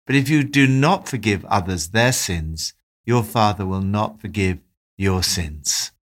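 Calm, measured man reading scripture. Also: on the low side. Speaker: devotional presenter. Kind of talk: devotional Bible reading and reflection.

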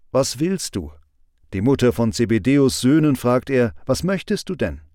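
A man giving a calm devotional sermon with a measured, instructive delivery. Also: medium pitch, no echo, clean studio sound. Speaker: preacher.

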